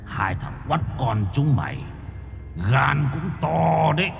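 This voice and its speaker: A man's voice: fairly high pitch, lively intonation, takes it slowly, creaky, over music, pitched above the performer's own voice, full character voice. A man voicing a spiteful, mocking old male ghost in a spoken horror story. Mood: taunting. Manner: mocking, menacing.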